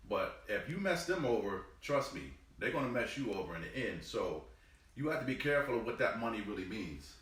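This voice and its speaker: A man's voice: on the low side, very animated, fairly quick, a bit bright, heavy reverb, far from the mic. A man co-hosting a casual live-stream chat, laid-back and reading out viewer comments. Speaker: co-host.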